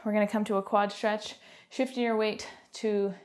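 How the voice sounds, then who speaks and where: A young woman with a Canadian accent guiding a home workout, giving encouraging cues and calm stretching instructions. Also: mid-range voice, normal speed. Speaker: fitness instructor.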